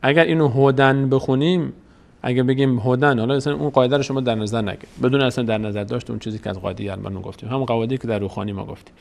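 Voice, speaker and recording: A man teaching Quran reading step by step. He patiently repeats each point and slowly draws out the recited verses to demonstrate them. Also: on the low side, fairly even intonation, gravelly.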